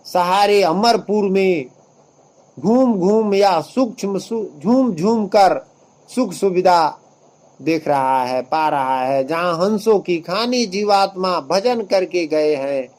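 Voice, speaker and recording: A man giving a devotional commentary on scripture, explaining it in a slow, measured way and chanting verses in a long, drawn-out style. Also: sits high, a little mellow, low-quality recording. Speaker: religious scripture expounder.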